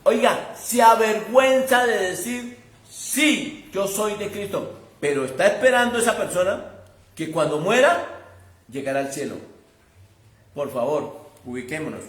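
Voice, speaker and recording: High-voiced preacher in an echoey room. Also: male voice. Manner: conversational, emphatic, addresses listener directly. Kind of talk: sermon.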